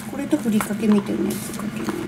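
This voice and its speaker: A woman's voice: fairly high pitch, very fast. A middle-aged woman chatting casually and bluntly while cooking at home. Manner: blunt, informal. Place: indoor home kitchen. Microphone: camcorder a few steps away. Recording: echoey kitchen, distant mic, background noise.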